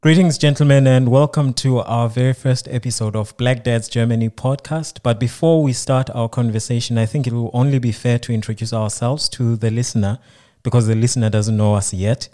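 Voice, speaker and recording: A man from South Africa hosting a podcast, reading a scripted intro and asking formal, measured interview questions. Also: medium pitch, fairly even intonation, mellow. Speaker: podcast host.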